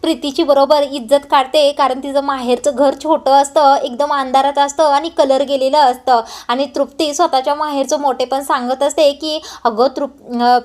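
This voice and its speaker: A woman with a high voice retells a TV serial episode at a steady clip. She quotes each character's dialogue in her own plain voice. Small "uh" pauses break up her storytelling. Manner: brisk storyteller with frequent "uh" pauses. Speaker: serial recap narrator.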